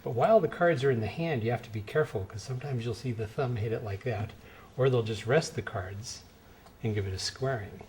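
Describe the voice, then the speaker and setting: A man's voice: medium pitch, a little fast, a little mellow, a little hiss or hum. A middle-aged man delivering conversational card magician patter with a playful showman's touch, demonstrating to spectators. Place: indoor studio set at a card table.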